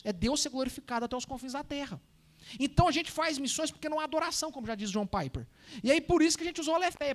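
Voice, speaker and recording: A man's voice: very high-pitched, a bit bright. Man, Minas Gerais accent, missionary leading a Sunday school slide talk, casual and direct with the congregation. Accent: Minas Gerais Brazilian Portuguese. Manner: conversational, addresses listeners as brothers and sisters. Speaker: missionary presenting to a church.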